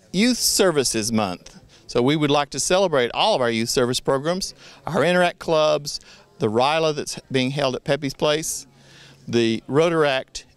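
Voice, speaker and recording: A district governor in his sixties, with a fairly high, smooth voice, gives an earnest prepared address to club members outdoors in a wooded forest. He speaks in a measured way with small restarts, holding a handheld mic near his chin.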